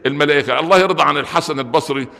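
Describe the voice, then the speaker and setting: A man's voice: fairly high pitch, racing, creaky, bright, forceful tone. A man with an Egyptian accent preaching a Friday sermon, joking and firing off rhetorical questions. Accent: Egyptian Arabic. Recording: long reverb of a large hall.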